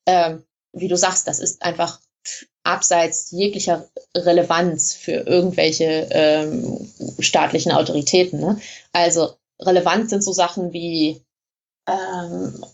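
A woman's voice: lowish voice, little pitch movement, a little slow, gravelly, darkish tone. A woman blogger being interviewed, explaining things in a chatty way with frequent hesitations. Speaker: blogger in Russia, guest. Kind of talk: casual interview.

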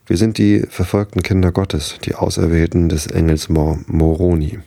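A man's voice: deep voice, steady tone, normal speed, gravelly, warm tone, no room sound, studio quality. A man voicing a stern young male pilgrim in a bedtime story reading, solemn.

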